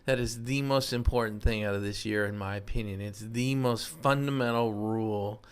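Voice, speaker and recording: A man's voice: on the low side, fairly even intonation, normal speed, smooth. A man, giving a casual, earnest motivational talk. He reflects on his own failings in a self-deprecating way. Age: 50s. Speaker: self-improvement podcast host.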